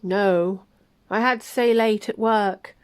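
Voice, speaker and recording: A woman voicing a young man, an evasive boyfriend who talks in a flat, soft, hurried way. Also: mid-range voice, clean tone, no echo, lightly acted.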